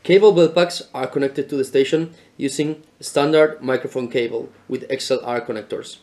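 Here a Spanish man in his thirties works as a product presenter, walking through equipment with scripted, careful explanations. The voice sits at medium pitch, runs at normal speed and has a slightly mellow quality. It was recorded indoors in a showroom by a camera mic at medium distance.

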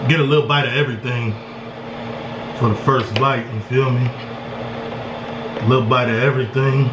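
Cooking-vlog chat comes from an animated Chicago man in his thirties, who talks casually, excitedly and boastfully in slang inside a small home kitchen. He has a medium-pitched voice at a moderate pace, captured by a handheld or counter-mounted camera amid echo and obvious background noise.

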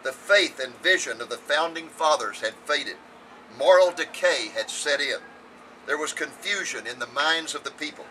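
A man's voice: fairly high pitch, lively intonation, moderate pace, sharp tone, distant mic, a little hiss or hum, rough recording. A man reading a sermon aloud with earnest, emphatic oratory, outdoors on a hilltop. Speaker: preacher.

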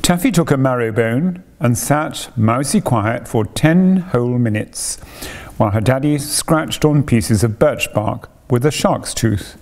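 A man reading a classic children's story aloud, narrating in an expressive, measured way. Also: medium pitch. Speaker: reader.

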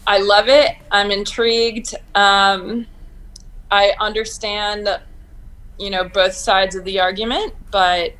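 A woman's voice: mid-range voice, level tone, takes it slowly, fairly bright tone. A woman in her thirties, a sailor being interviewed over a video call from home, talking in an upbeat, chatty way with frequent ums. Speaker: Olympic sailor, guest. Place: home room, indoors.

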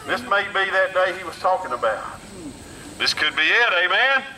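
A man's voice: high voice, big pitch swings, moderate pace, bright, forceful tone, low-quality recording. A middle-aged man preaching an outdoor sermon through a handheld megaphone to children, in a fiery call-and-response manner. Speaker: street preacher. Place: outdoors on a parking lot with children.

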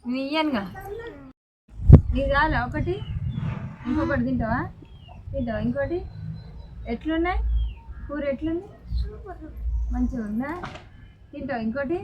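A woman's voice: high voice, moderate pace, pauses often, lo-fi sound, noisy background. A woman with a Telangana accent, chatting casually in a vlog while cooking outdoors and teasing her children. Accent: Telangana Telugu. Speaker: vlogger and mother. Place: outdoors by a smoky wood fire in the sun.

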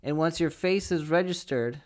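Here a young man speaks at a moderate pace in a voice on the high side. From a small home studio with acoustic foam, using a desk microphone placed close, he explains a tech topic step by step in a conversational tone, often checking in with whoever's listening.

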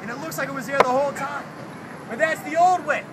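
A man's voice: extremely high pitch, fast. A young man performing playful, joking street-magic patter to a crowd, in the manner of a kids party magician. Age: young adult. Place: city sidewalk, outdoors. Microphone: handheld camera a few feet away. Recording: busy outdoor street with crowd and traffic.

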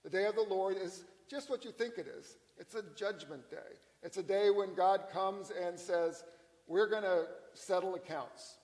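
A male pastor preaching a sermon in a conversational, emphatic way, slowing down on key lines. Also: high-pitched, darkish tone, in a large hall, rough recording.

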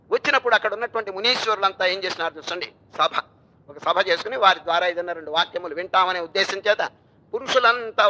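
Older man, Telugu accent, swami giving a spiritual discourse; raised pitch, chants verses slowly. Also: pushed and bright, poor audio. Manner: questions the listeners and answers himself; acts out dialogue and chants Sanskrit verse slowly. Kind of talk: devotional storytelling discourse.

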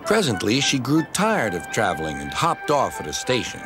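A man narrating a children's train story in a gentle, expressive storytelling manner. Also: mid-range voice, moderate pace. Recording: narration over music.

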